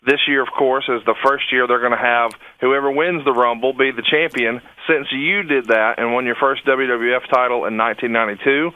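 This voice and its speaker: A man's voice: mid-range voice, dry recording, phone-quality sound. A man co-hosting a podcast, explaining things conversationally and prompting his partner with questions. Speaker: podcast co-host.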